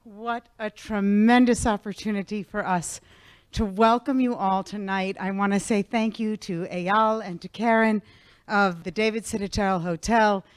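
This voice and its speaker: A woman's voice: medium pitch, steady tone, measured pace, clean tone, dry recording. A woman giving a formal welcome speech at a hotel event and thanking the hosts effusively.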